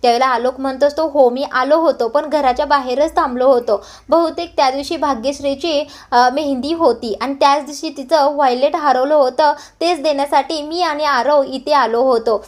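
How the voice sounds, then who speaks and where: A woman retelling a TV serial episode, quoting each character's lines in her own voice with frequent short "uh" pauses. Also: high-pitched, steady tone. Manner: quotes every character's dialogue in her own voice; brisk storyteller with frequent "uh" pauses. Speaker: serial recap narrator.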